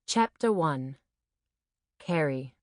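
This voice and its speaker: A woman reading a first-person novel aloud as an audiobook narrator, clear and expressive in her storytelling. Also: low voice, extremely slow, no room sound, clean studio sound.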